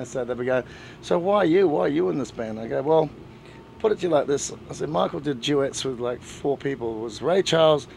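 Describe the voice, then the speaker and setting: A middle-aged man, telling stories in a relaxed way in a backstage interview, full of "you know" fillers. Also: mid-range voice, gravelly, a little hiss or hum. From New Zealand. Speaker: band singer. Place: backstage at a music festival.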